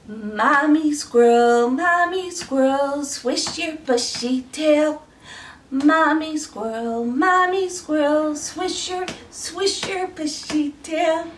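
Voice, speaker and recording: A woman singing as a gentle mommy squirrel, higher and softer than usual. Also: slow. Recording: roomy, distant mic, faint noise.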